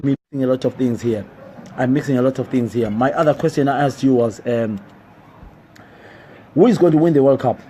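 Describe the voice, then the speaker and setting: A man's voice: mid-range voice, a little fast, pauses often, mellow, slight background noise, poor audio. A man hosting a live football talk stream indoors, repeating his questions and calling on viewers to reply. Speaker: sports show host. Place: indoors in a building.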